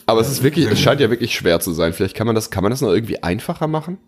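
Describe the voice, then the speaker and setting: A man co-hosting a podcast who runs a quiz in casual chat, explaining in a relaxed, rambling way with fillers. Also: on the low side, racing, husky. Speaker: podcast co-host running a quiz.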